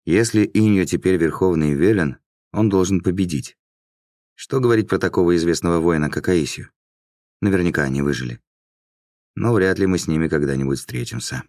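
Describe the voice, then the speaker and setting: A fierce young woman warrior, as a male narrator puts her on, brusque and impatient. The voice stays very deep, close and dry. She sounds stubborn and hard-edged. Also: fairly quick, darkish tone, no room sound, close to an everyday voice. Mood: brooding.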